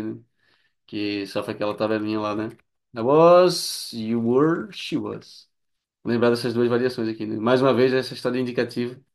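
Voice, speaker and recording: A man with Portuguese as his first language explains English grammar in a chatty lesson, tagging phrases with frequent questions. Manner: chatty, frequent "né?" tag questions, lively swings in pitch. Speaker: English teacher.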